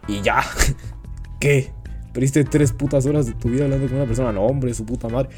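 A man's voice: mid-range voice, fairly even intonation, brisk, warm tone, faint music behind. A young man with a Guatemalan Spanish accent, co-hosting a casual podcast chat in a slangy, profane, joking way. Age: young adult. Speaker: podcast co-host.

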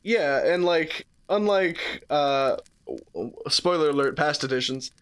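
A man's voice: a little high, measured pace, a bit bright, clear, resonant tone. A man co-hosting a podcast, chatting casually, laughing often and chiming in with short agreements. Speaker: podcast co-host. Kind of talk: casual chat.

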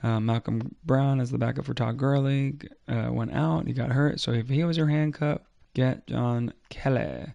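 A man gives casual, slangy fantasy football commentary on his own podcast. His voice is mellow and creaky, recorded close and dry. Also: mid-range voice, steady tone, normal speed, hardly any pauses, dry recording, muffled recording. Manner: informal, slangy. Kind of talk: casual solo sports commentary.

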